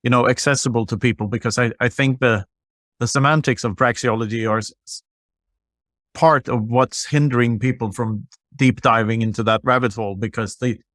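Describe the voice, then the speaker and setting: A man hosting a podcast, chatty and quick to laugh, with many fillers and restarts. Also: medium pitch, steady tone, fairly bright tone, dry recording, studio quality. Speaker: podcast host. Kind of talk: casual chat.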